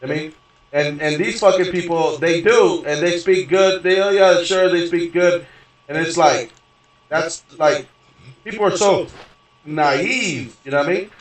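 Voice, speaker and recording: A man's voice: on the high side, unhurried. A man streaming a game, ranting in a rambling, profane way, stumbling over restarts and repeating "you know what I mean". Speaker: gaming streamer. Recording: echoey room, voice far from mic.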